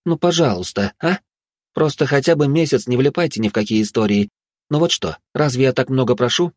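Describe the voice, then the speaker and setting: An exasperated young woman head of students begs her friends to behave, voiced by a man reading a storybook. The voice sits higher than his own and pleads. The recording is dry and close. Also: lively intonation, brisk, no room sound, close to an everyday voice. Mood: pleading. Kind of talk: audiobook character voice.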